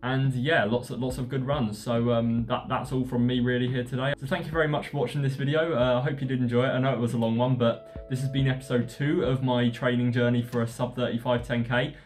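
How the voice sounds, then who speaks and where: A man talking casually about his running training in a relaxed, rambling way with lots of fillers. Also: mid-range voice, fast talker, hardly any pauses. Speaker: running vlogger. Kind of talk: casual vlog narration.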